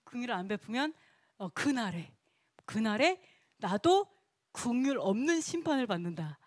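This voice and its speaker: A woman teaching a casual sermon in a lively way. She laughs often and acts out quoted speech. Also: fairly high pitch, normal speed, no room sound, clean studio sound. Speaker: Bible teacher.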